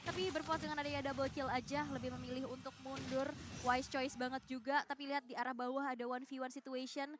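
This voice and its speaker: An Indonesian woman working as an esports shoutcaster, giving live game commentary. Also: high voice, level tone, quick pace, noisy background.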